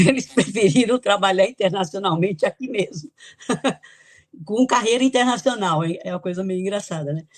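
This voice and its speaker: A woman's voice: medium pitch, moderate pace, no room sound. Older woman, chatty and reminiscing. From Italy. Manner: chatty, reminiscing, with light laughs. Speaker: guest, author. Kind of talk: podcast interview, personal storytelling.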